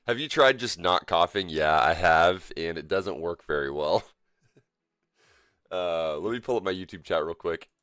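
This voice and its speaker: Coughing and sick, this streamer sounds deeper than normal as he jokes around with chat during a game, rambling and using lots of fillers. He speaks a little slowly in a low, animated, slightly bright and smooth voice with no room sound. Faint game music plays underneath.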